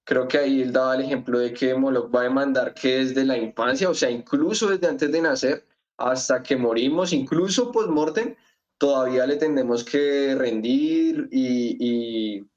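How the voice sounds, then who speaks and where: A man in a casual Bible study discussion, speaking in a measured way and checking in with "¿sí?". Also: medium pitch, dull audio. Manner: measured, with "¿sí?" tags. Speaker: study group participant.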